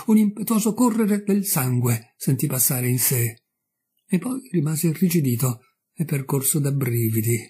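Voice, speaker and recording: A man from Italy narrating a classic story aloud with a measured, expressive delivery. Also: on the high side, slightly rough. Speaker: audiobook narrator. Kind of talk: dramatic literary reading.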